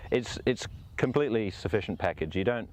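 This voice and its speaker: An Australian man in his thirties with a fairly low voice, explaining a product in an easygoing, matey way. There is faint noise behind him. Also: animated, a little fast. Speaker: product demonstrator. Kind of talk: casual product walkthrough. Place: outdoors and inside a camper.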